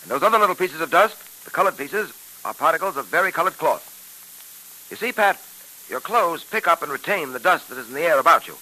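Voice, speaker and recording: A man playing a calm, clever police detective on an old radio show, explaining things patiently and with self-assurance. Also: a little high, fairly quick, heavily acted, low-quality recording. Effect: old radio show broadcast. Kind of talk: 1940s radio acting.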